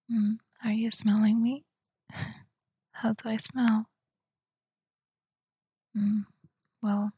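A woman whispering softly in a tender, soothing ASMR roleplay, speaking close to the mic. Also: medium pitch, no room sound. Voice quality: breathy whisper. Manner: soft, tender and soothing, slow murmurs. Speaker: girlfriend roleplayer.

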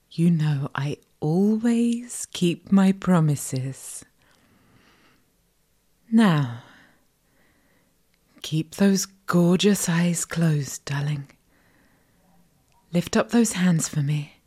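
A woman whispers very slowly into a close microphone, her voice breathy and hushed. She coaxes and gives soft commands, like a dominant partner speaking straight to the listener. Her tone stays mellow and warm throughout. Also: fairly low pitch. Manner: slow, soft, coaxing and commanding. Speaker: audio roleplay performer. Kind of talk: whispered intimate audio roleplay addressed to the listener.

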